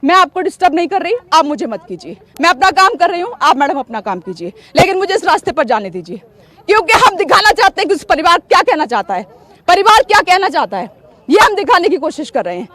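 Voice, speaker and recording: A woman's voice: very high voice, big pitch swings, fast, pushed and bright. A woman field reporter questioning officials on the spot outdoors, insistent and confrontational, her voice breaking with emotion at times. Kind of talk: live on-the-spot news reporting. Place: outdoors at a police barricade.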